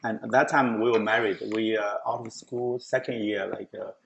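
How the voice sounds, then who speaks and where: Over a rough recording with a little hiss or hum, a middle-aged man from China chats casually about his life as a show host, his Chinese accent clear. His creaky voice is fairly low, fairly bright in tone, and fairly even at a normal speed. He's talkative and keeps dissolving into laughter mid-sentence.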